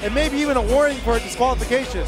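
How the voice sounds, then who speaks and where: A man with a very high, excited voice gives live boxing play-by-play. He projects loudly, often shouting, with crowd and music clearly behind him. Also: racing. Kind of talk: live fight commentary. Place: live boxing event in Tijuana.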